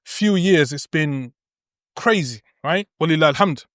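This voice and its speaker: Podcast host, male, slightly raised pitch, emphatic and conversational, dry studio sound. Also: animated, a little slow, a bit bright, no room sound. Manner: emphatic, lots of "right?" and "okay?" check-ins. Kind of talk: roundtable discussion.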